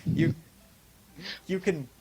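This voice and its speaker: A young man co-hosting a casual film podcast, rambling with restarts and animated asides. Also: very slow. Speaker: podcast co-host. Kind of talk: casual film review chat.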